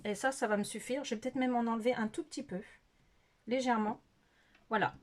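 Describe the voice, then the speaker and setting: A middle-aged woman's fairly high, steady voice moves along at a brisk clip as she does a casual makeup tutorial in her bedroom. Recorded on a phone, this beauty vlogger hesitates often, uses lots of fillers, and laughs at herself.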